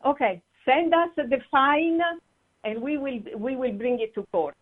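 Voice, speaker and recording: A woman's voice: sits high, lively intonation, a little slow, husky. A woman on a phone call, firm and insistent, repeating her demands. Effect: clipped phone line. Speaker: prank call target. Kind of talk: phone argument. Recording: tinny phone line.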